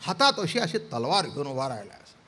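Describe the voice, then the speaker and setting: Lively high-voiced kirtan preacher. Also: male voice, fairly quick, slightly rough. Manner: theatrical, acts out dialogue, asks the audience questions. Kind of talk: devotional kirtan sermon with storytelling.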